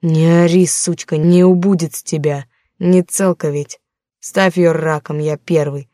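A woman's voice: deep voice, fairly even intonation, a little slow, warm tone, no room sound, clean studio sound. A woman voicing a leering young street thug. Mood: crude. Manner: mocking, vulgar, menacing.

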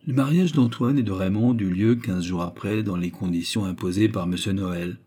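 Guy reading a novel aloud, low dark voice, bit husky. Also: moderate pace. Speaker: audiobook narrator. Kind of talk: scripted narration of a novel.

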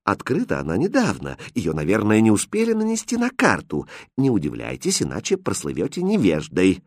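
A man voicing a sly, witty court jester who flatters and talks in a smooth, sing-song way in a fairy-tale audiobook. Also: on the low side, a little fast, no echo, exaggerated voice.

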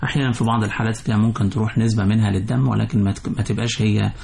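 A man with an Egyptian accent, a surgeon answering callers' questions on radio in a calm, explanatory way. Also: on the low side, rapid-fire, vocal fry, slight background noise. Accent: Egyptian Arabic. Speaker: orthopedic surgeon guest. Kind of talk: medical advice on radio.

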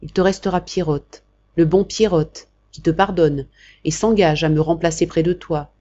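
A woman reading the part of a gentle, brave young man dying of consumption, speaking softly and tenderly. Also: fairly low pitch, fairly even intonation, moderate pace, lo-fi sound, close to an everyday voice.

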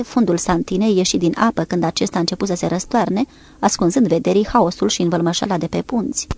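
A woman of medium pitch reads an audiobook of a naval war novel at a steady, measured pace. For the characters' dialogue, she lifts her voice a little.

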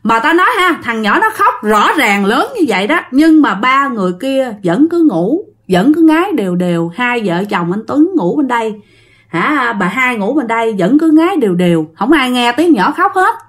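A woman with a Southern Vietnamese accent tells a ghost story as if chatting with friends. She talks to her listeners often. Her voice is fairly high and moves widely between high and low for effect. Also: sing-song, moderate pace. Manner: dramatic swings in pitch and loudness. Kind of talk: casual spoken storytelling.

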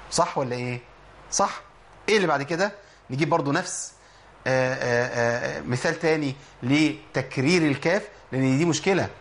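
A man with an Egyptian accent teaching Quran recitation in a lively lesson, quizzing listeners and slowly sounding out letters. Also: medium pitch, slight background noise. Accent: Egyptian Arabic. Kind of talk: spoken tajweed lesson.

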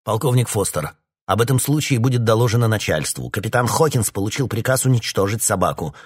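A man reading an audiobook, voicing a stern, weary male officer who gives curt orders and shouts when pushed. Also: on the low side, animated, fairly quick, slightly rough, voice pushed up.

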